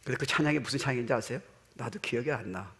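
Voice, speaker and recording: A middle-aged male pastor preaching a sermon in a church, animated, slipping in English phrases and shouting amens. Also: medium pitch, racing, slightly rough, long reverb tail. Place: church sanctuary.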